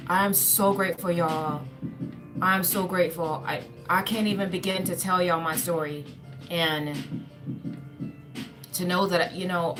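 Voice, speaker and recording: A woman giving an earnest, repetitive spiritual pep talk, often calling her listeners y'all. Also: lowish voice. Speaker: spiritual speaker. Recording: talk over clear background music. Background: music.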